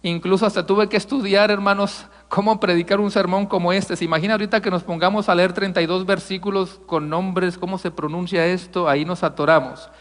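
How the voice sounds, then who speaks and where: A man's voice: sits high, steady tone, a little fast, few pauses, long reverb tail. A man from Mexico preaching a conversational sermon as pastor, addressing the congregation as brothers. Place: church sanctuary.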